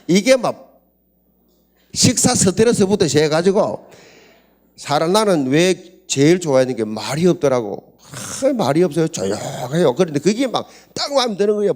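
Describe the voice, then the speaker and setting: Older man, Busan accent, slightly high voice, animated storytelling pastor. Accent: Gyeongsang (Busan). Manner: animated storytelling, acts out quoted voices, laughs often. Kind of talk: humorous seminar talk.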